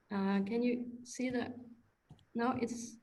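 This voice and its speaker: A woman with a French accent, her voice sitting a little high, presents an architecture project over a video call. She picks her English words with care and slows to find them, as a native French speaker would. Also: dark tone, low-quality recording. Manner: careful, halting, stops to check slides. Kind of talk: webinar presentation.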